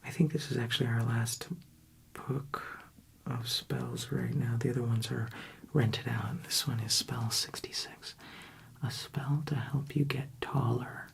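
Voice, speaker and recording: A man doing a whispered role-play as a friendly librarian, in a soft library whisper, talking gently and chattily to the listener. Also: mid-range voice, fairly even intonation, measured pace, slight background noise. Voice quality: soft, breathy library whisper with gravelly edges. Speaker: ASMR performer playing a friendly librarian.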